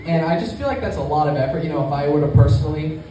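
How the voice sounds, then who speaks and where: A man's voice: on the high side, very fast, dark tone. A young man doing amateur stand-up comedy in front of an audience, with a hesitant, rambling delivery. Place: echoey room in front of a small live audience. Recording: echoey room from far off, clear background noise.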